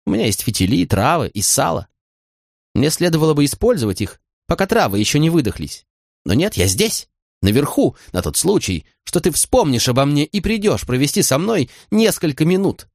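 A man's voice: fairly high pitch, very animated, drawn-out words, gravelly, few pauses, no echo, voice pushed up, heavily acted. A man lifts his voice into a young serving woman, hurt and resentful, speaking in a raised, lighter register. Her words come short and cold or spill out in long reproachful runs, voiced for an audiobook in a dry, close sound. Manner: cool and clipped, then pouring out reproach. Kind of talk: audiobook character voice.

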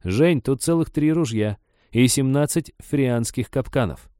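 A man's voice: mid-range voice, a little slow, warm tone, smooth, no echo, studio quality, pitched above the performer's own voice, close to an everyday voice. A man voicing an eager, helpful male cyborg who talks in stiff, report-like machine phrasing in an audiobook story. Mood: deadpan eager.

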